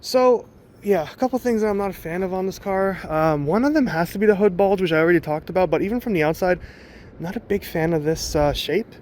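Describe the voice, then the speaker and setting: A man's voice: high-pitched, brisk, a little mellow, a little hiss or hum. A man casually showing viewers his car outdoors, rambling with lots of fillers and a little out of breath. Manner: rambling, loose, many fillers. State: a bit out of breath. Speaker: car vlogger.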